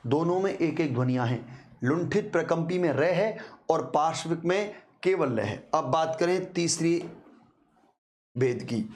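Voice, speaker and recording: A male teacher giving an exam-prep grammar lesson, explaining slowly, repeating key words and sounding out syllables for his students. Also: on the high side, expressive, darkish tone. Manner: addresses students repeatedly, slow deliberate explanation with repetitions; sounds out syllables to demonstrate pronunciation.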